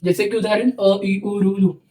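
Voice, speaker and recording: A male teacher giving a lecture, repeating phrases slowly so students can write them down, often saying "ठीक है". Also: sits high, fairly even intonation, mellow. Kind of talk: dictated classroom lecture.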